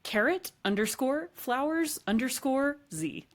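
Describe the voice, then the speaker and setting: A woman's voice: high-pitched, animated, a little slow. A woman from Arkansas with an Arkansas accent, talking conversationally as a podcast interview guest. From Arkansas, United States. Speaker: podcast guest, author and running journalist.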